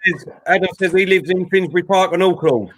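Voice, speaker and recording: Fast and high-voiced, a man from East London's Isle of Dogs co-hosts a casual football watchalong, working through the chat messages and calling the action. He's talkative and gets excited during match moments. A bit of hiss or hum sits in the audio.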